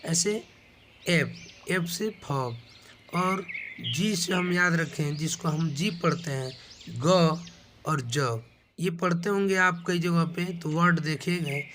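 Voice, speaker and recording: A man's voice: a little high, takes it slowly, background noise. Patient male teacher, birds behind. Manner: patient, repeats each letter and its sound. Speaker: English teacher. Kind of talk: slow spoken lesson. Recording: clear bird sounds in background.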